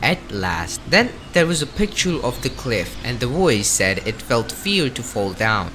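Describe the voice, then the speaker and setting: A man's voice: medium pitch, pushed and bright, slight background noise. A man narrating scripted game lore in a dramatic way, with rising and falling emphasis. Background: music.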